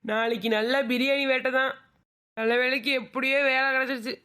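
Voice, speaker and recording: A high, bright-toned cheeky village girl, voiced by a woman in a cartoon comedy. She speaks with a Madurai Tamil accent and is chatty and cheerful. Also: steady tone, a little fast. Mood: pleased. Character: cheeky village young woman job-seeker.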